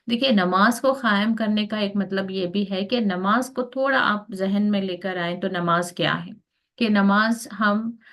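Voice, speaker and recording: A woman teaching a Quran lesson, explaining step by step and slipping English words into her speech. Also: medium pitch. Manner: explains step by step with many fillers.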